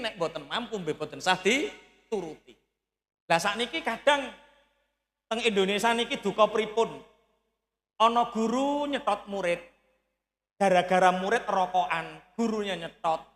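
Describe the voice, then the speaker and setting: Javanese preacher with a high voice in an echoey hall. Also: male voice. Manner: storytelling with jokes, loud bursts when acting out shouts. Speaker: Islamic preacher. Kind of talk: sermon. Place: large hall at a religious gathering. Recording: echoey hall with long reverb.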